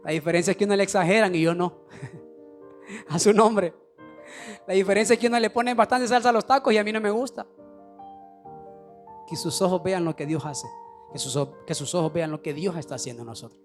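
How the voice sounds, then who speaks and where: A male pastor preaching a sermon, with shouted, sing-song climaxes and quieter, confiding asides. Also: high-pitched, a little fast, long pauses, faint music behind. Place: church.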